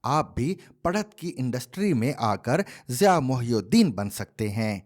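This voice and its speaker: Man reading a column with lively pitch. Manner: measured, expressive reading. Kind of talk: scripted narration.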